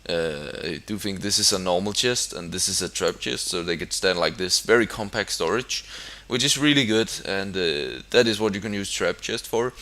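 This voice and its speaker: A young Danish man with a low, fairly bright voice chats casually about a building game in accented English. Since English isn't his native language, he often hesitates, using lots of fillers and restarting sentences. He's a gamer.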